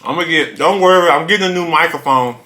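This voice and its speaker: A man talks casually between bites on an eating show and tells his stories with animation. His voice sits fairly high and sounds bright and forceful. The room around him gives it a noticeable echo. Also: fast. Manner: talks while chewing food; animated storytelling. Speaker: mukbang host. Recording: roomy echo.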